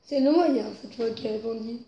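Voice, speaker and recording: Expressive woman storyteller in a roomy space. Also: on the high side, moderate pace, muffled recording. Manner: expressive, rising with the story's tension. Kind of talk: reading a children's story aloud. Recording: roomy echo, faint noise.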